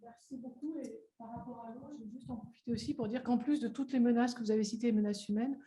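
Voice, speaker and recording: A woman moderating a conference Q&A, quick and running her words together, distant from the mic. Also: a little high, steady tone, mellow, a little hiss or hum. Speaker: session moderator.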